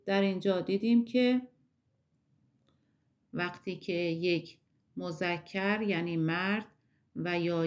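A woman teacher talks through a recorded lesson in a patient, methodical way. Her voice sits a little low, and she slows right down to spell out each example word before moving on. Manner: slow, careful explanation that stretches out example words.

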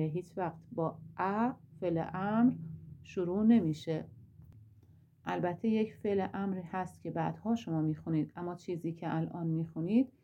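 A woman's voice: fairly low pitch, mellow, dull audio. A woman teaching a grammar lesson, explaining step by step with drill examples and asking rhetorical questions.

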